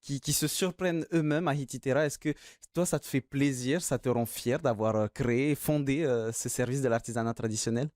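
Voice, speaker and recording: A man's voice: mid-range voice, a little fast, a little mellow, no room sound. A man hosting a studio interview, asking questions in a conversational way with some fillers. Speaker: TV host.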